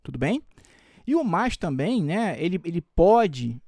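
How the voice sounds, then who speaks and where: A Brazilian Portuguese teacher, a man, walks his students through exam questions one step at a time. He keeps checking in with them as he goes. His voice sits a touch high and sounds dry and close to the mic. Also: sing-song, a little slow, a little mellow, dry recording. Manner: explains step by step with frequent check-ins like "tá?" and "tudo bem?". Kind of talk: exam-prep video lesson.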